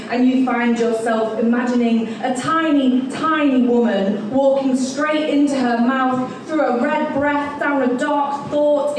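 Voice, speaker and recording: A woman performing a live poetry reading at a bar event, with an expressive, dramatic delivery. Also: a little high. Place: bar event space, indoors. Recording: echoey room from far off, noisy ambience.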